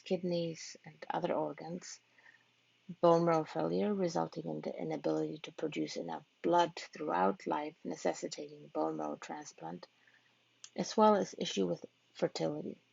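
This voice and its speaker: The speaker is a low-voiced Polish woman, a physician-scientist and native Polish speaker, sharing her research with patient families in a heavily gravelly, husky, mellow tone. She keeps a fairly even intonation and an earnest, measured manner, pausing at times to find a word. The lo-fi, dull audio of an online talk has no echo.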